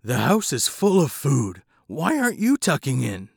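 A man voicing a gravelly, barking mutt dog. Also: mid-range voice, wildly swooping pitch, unhurried, dry recording, clean studio sound, full character voice. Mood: bitter. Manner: loud and barking. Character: gruff scruffy male mutt dog, bitter.

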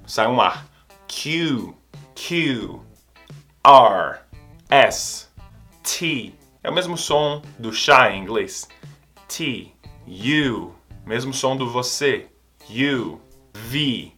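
A man's voice: medium pitch, animated, drawn-out words, pauses often, bright, forceful tone, soft background music. A Brazilian man teaching English pronunciation, patiently repeating each sound for the listener to copy. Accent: Brazilian Portuguese. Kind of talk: language lesson.

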